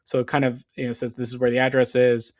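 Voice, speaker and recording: In a conversational screen-share walkthrough, an SEO business owner explains with lots of fillers and restarts, clearing his throat now and then as his voice starts to go hoarse. He sits at a middling male pitch and speaks fast with a completely flat delivery.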